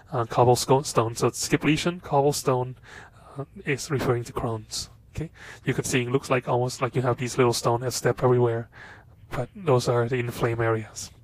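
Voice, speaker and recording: A man with a nasal, stuffy voice from a cold, teaching a recorded lecture in a halting way with many fillers. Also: mid-range voice, no room sound. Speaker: instructor.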